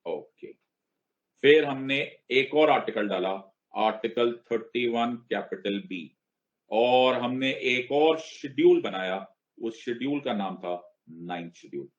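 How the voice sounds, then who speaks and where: A male teacher giving an exam-prep lecture in a mid-pitched voice, mixing Hindi and English. He keeps checking whether the class is following and slows down, word by word, over legal wording. The sound is dull and lo-fi, like an online class recording. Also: animated. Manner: mixes Hindi and English, drills the class with repeated questions, playful asides; slows right down and stresses each word when reading legal text.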